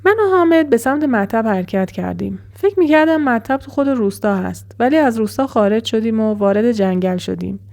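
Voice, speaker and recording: A woman narrating a first-person horror story in an even, measured way as storyteller. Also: a little high, gravelly.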